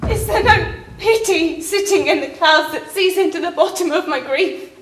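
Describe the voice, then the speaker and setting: Woman acting a very high, distraught young daughter. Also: normal speed, background noise. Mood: anguished despair. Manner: tearful, impassioned, declamatory. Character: distraught, pleading young daughter, defiant yet desperate. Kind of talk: classical stage verse acting. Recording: echoing room.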